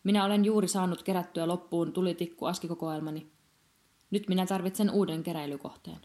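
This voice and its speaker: A woman's voice: fairly low pitch, fairly even intonation, mellow, close to an everyday voice. A woman voicing a gloomy, eccentric male collector in a cloak, who talks tersely and turns things down fussily. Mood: terse, eager. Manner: terse, sighing, fussy refusals.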